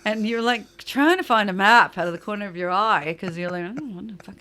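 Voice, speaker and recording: A middle-aged New York woman, a guest in a relaxed, casual interview, tells stories animatedly in a mid-range voice at a slightly fast clip. She swears freely, breaks off and restarts sentences, and laughs along the way.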